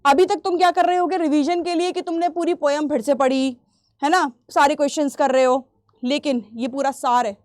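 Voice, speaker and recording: A woman teacher leads an exam revision lesson in a fairly high, slightly mellow voice with fairly even intonation, clearing her throat now and then. She reads English lines slowly, explains them, and repeats the key points for her students. The sound is dry and close, with no room echo.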